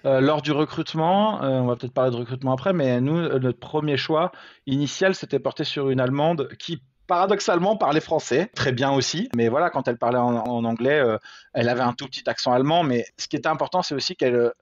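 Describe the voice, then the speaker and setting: A man's voice: mid-range voice, quick pace, dry recording. A man, a father, talking as an interview guest in a casual, hesitant way, with many fillers and restarts, and poking fun at himself now and then. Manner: self-deprecating, laughs at himself. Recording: slightly dull lo-fi sound.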